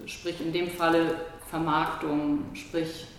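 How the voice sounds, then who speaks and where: A woman's voice: low-pitched, little pitch movement, slow. A woman moderating a reflective conversation, thinking aloud and searching for her words. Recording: echoey hall with faint noise.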